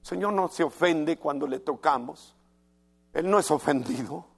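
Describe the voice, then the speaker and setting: A man preaching a sermon, emphatic, asking the congregation questions and slowing down on key words. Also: a little high, gravelly.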